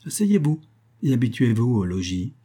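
A man's voice: medium pitch, sing-song, moderate pace, breathy edge. A man voicing a weary, courteous prisoner. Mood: kindly, curious. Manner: courteous, gentle questioning. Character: weary imprisoned gentleman, courteous and gentle.

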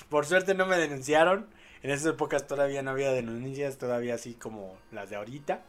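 A man's voice: mid-range voice, fairly bright tone. A young man with a Mexican accent hosting a late-night podcast, rambling with fillers and crude jokes. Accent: Mexican Spanish. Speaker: podcast host. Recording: faint music behind.

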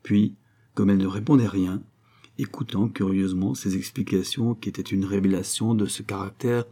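A man reading a classic novel aloud as an audiobook narrator, in a measured, steady way. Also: lowish voice, husky.

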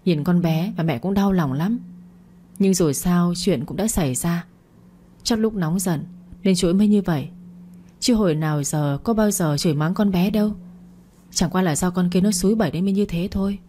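A woman reading the part of a sharp-tongued older woman who dotes on her niece and scolds her son. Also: on the low side, normal speed, a little hiss or hum, natural voice. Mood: scolding.

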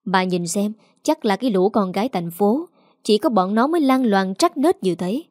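A woman voicing gossiping village women who sneer with slow, disapproving talk, in a Southern Vietnamese accent. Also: medium pitch, expressive, a little mellow, dry recording, clean studio sound, close to an everyday voice. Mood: scornful.

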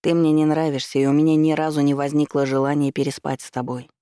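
A man's voice: fairly high pitch, level tone, quick pace, mellow, clear, resonant tone, dry recording, clean studio sound, close to an everyday voice. A man voicing a blunt, irritated young man who speaks in a curt, dismissive way.

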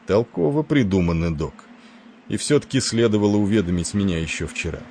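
A man's voice: fairly low pitch, animated, fairly quick, mellow, slight background noise. A man voicing a stern, curt male ship captain in an audiobook. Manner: curt and irritable.

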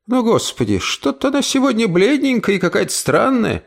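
A man reading aloud, voicing a feisty, sharp-tongued old woman who scolds and exclaims. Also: sits high, big pitch swings, fairly quick, creaky, voice pushed up, exaggerated voice. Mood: chatty.

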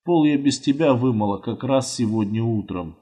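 A man's voice: mid-range voice, moderate pace, dark tone, voice pushed down, lightly acted. A man voicing a grumpy old woman. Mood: grumbling. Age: older. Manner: grumbling, tired.

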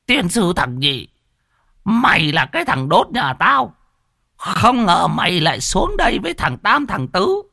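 A man voicing a hot-tempered old male master who yells in a high, shrill voice and scolds his student. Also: wildly swooping pitch, a little slow, vocal fry, dry recording, clean studio sound, exaggerated voice. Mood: furious. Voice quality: shrill, yelling.

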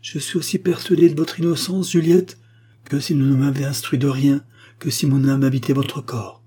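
A man's voice: mid-range voice, fairly even intonation, normal speed, mellow, breathy edge, voice pushed up, lightly acted. A man voicing an ardent young nobleman who pleads urgently and insistently. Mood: pleading. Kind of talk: audiobook character voice.

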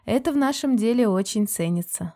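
A woman's voice: fairly high pitch, expressive, fairly quick, mellow, voice pushed up, natural voice. A woman reading an audiobook voices a friendly man in his forties, a chief engineer who speaks politely and in a businesslike way. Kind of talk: audiobook character voice.

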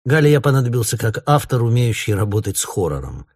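A man, the author, reading his own story aloud in a measured, literary manner. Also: medium pitch, very animated, a little mellow. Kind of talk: audiobook narration.

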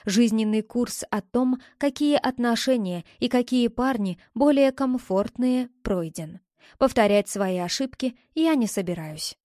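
Female audiobook narrator, fairly high voice, steady expressive storytelling, dry and close. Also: unhurried, no echo. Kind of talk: first-person audiobook narration.

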